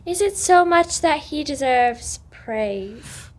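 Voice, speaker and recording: Woman as high-voiced, solemn ghostly spirit. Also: expressive. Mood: probing. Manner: measured, formal, declarative. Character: solemn ghost of Christmas past, gently commanding. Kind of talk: old-time radio play acting. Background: music.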